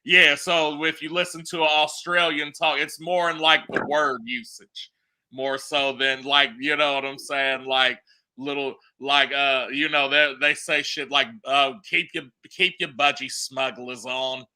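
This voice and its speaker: A man's voice: fairly high pitch, flat delivery, a little slow, sharp tone, smooth. A man co-hosting a casual podcast, laid-back and slangy, always adding "you know what I'm saying". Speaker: podcast co-host.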